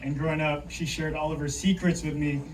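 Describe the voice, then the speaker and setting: A man doing a stand-up comedy set with dry, deadpan one-liners and an understated delivery, with audience laughter between the jokes. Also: on the high side, brisk, a crowd in the background. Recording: distant mic, loud background noise.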